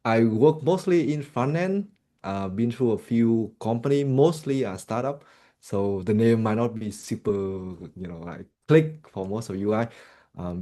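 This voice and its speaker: A man's voice: on the low side, dark tone. A man in his thirties from Vietnam with a Vietnamese accent, answering questions as a podcast guest and stopping often to restart his sentences. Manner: hesitant, many restarts and fillers. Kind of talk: casual interview chat.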